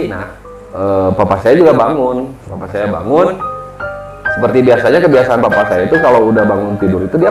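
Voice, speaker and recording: Casual male guest, acting out his story in an echoey room over music. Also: lowish voice. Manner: lively storyteller, acts out quoted people. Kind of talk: casual spoken ghost story. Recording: roomy echo with music behind.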